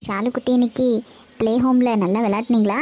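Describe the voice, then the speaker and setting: A woman voicing a young woman in an animated cartoon, a dutiful daughter and loving aunt who talks in a warm, reassuring way. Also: fairly high pitch, fairly quick, lightly acted. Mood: gentle. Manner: warm, reassuring, plain speech.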